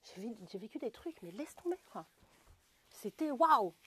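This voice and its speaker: A woman's voice: on the high side, sing-song, normal speed, breathy edge. A young woman leading a goofy yoga class in French, rambling with slangy asides and frequent giggles. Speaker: yoga teacher. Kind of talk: playful self-mocking yoga class.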